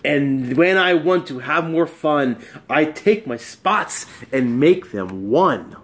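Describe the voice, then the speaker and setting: Voicing a storybook's eager spotted animal, a man speaks slowly in a slightly high, fairly bright voice with lively intonation, kept pushed down. The creature brags and begs while showing off its magic tricks in a small, bright room at home.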